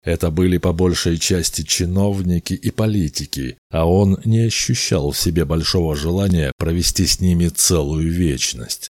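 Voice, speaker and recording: A man reading a fairy tale aloud as an audiobook narrator, in a measured storytelling manner. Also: deep voice, a little mellow, no echo, studio quality. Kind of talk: scripted narration.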